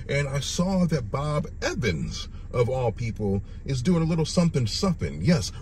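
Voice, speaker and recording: A man in his thirties with a lisp and slushy s sounds gives a casual, joking, sweary food review. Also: mid-range voice. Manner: animated, joking, profane. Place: inside a car, driving and parked. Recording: car interior with road noise. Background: vehicle noise.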